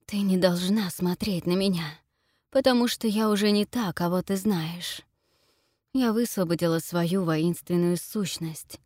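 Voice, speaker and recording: A woman's voice: lowish voice, a little mellow, dry recording, studio quality. A hissing Gorgon, as a woman reads her. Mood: grave warning. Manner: slow seductive whispered hiss. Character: hissing female Gorgon, dangerous yet protective. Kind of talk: audiobook reading.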